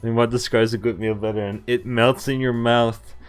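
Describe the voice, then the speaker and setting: A man streams a visual novel, casually reading the game text aloud and dropping informal, jokey asides between lines. His mid-range voice is clear and resonant, brisk and fairly even in intonation. Faint music sits behind him.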